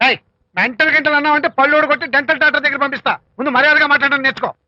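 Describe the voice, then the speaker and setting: A man's voice: extremely high pitch, fairly even intonation, rapid-fire, bright, forceful tone, no room sound, full character voice. An actor playing a brash middle-aged father who blusters and threatens. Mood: blustering. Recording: dry, dull old film audio.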